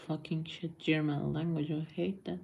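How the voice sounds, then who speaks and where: A young woman chatting casually with her viewers on a live stream from home, in halting non-native English and laughing often. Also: sits low, little pitch movement, vocal fry, darkish tone.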